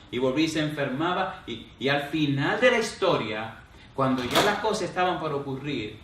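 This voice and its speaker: A man's voice: medium pitch, echoey room, far from the mic, a little hiss or hum, low-quality recording. A man preaching a sermon as pastor, questioning the congregation and answering himself. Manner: call-and-response questions, drops to a hushed voice in the story.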